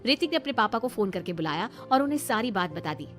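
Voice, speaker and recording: A woman's voice: mid-range voice, big pitch swings, fast talker, faint music behind. A woman narrating a cartoon moral story in a plain storytelling manner.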